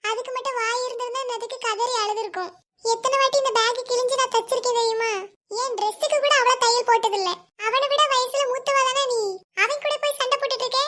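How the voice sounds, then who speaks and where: A fed-up teenage girl from a cartoon, scolding and grumbling in a sharp tongue, as a woman acts her out. Her voice sits very high. She speaks with a Tirunelveli Tamil accent. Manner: complaining, scolding. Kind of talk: cartoon voice acting.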